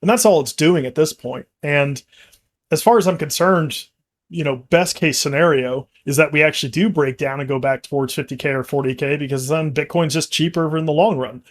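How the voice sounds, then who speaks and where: A man's voice: on the high side, a little fast. A man, co-hosting a casual talk about markets. He rambles in long runs, restarts his sentences often and leans on fillers. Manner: rambling, frequent restarts and fillers, laughs easily. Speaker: company executive co-host.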